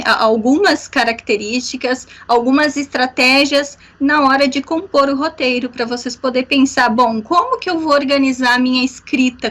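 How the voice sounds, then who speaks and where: High-voiced woman lecturing. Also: fairly bright tone. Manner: explanatory, many fillers, frequent "né?". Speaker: workshop instructor. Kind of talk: online workshop lecture. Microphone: video call.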